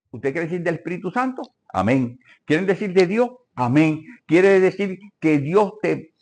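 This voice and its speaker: A man's voice: a little high, a little mellow. An older man teaching a church Bible lesson, asking the congregation questions and calling for amens.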